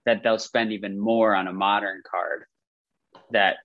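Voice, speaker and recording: A man's voice: on the low side, little pitch movement, measured pace, dry recording. Nasal man, dull dry call audio. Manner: friendly, self-deprecating. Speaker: podcast co-host. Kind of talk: casual chat.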